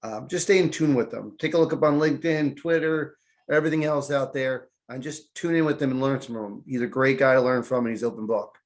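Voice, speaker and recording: A man's voice: medium pitch, steady tone, brisk. A man co-hosting an interview podcast, wrapping up in an upbeat, appreciative way. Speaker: podcast co-host. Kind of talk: casual interview chat.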